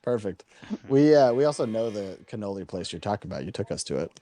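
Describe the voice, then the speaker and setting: A man's voice: on the low side, big pitch swings, quick pace, warm tone. A man hosting a casual podcast chat, teasing his co-hosts bluntly and swearing now and then.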